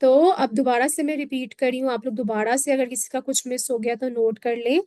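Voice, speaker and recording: A woman's voice: high-pitched, steady tone, a little fast, mellow, no echo, clean studio sound. A woman from Pakistan, teaching a Quran recitation lesson to a class and patiently repeating points while checking that everyone follows.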